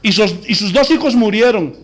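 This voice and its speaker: Male pastor, sermon delivery in a church, high and animated, keeps quizzing the flock. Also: normal speed. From Bolivia. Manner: preaching with rhetorical questions to the congregation.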